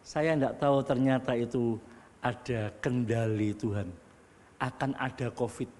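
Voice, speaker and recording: A middle-aged man preaching a sermon as a pastor, telling stories and building to loud exclamations. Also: mid-range voice, a little slow. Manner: storytelling, animated, climbing to loud exclamations. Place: church hall. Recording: long hall reverb.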